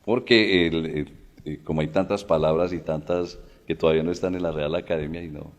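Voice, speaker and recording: A man's voice: a bass voice, steady tone, fairly quick, lo-fi sound. A man explaining spelling rules in casual talk, with folksy everyday examples and frequent calls to "look". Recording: long echoing reverb.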